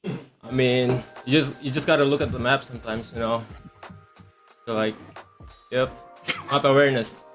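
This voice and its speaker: A man answering a post-match interview as an esports player, relaxed and brief. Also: mid-range voice, normal speed, long pauses, faint music behind.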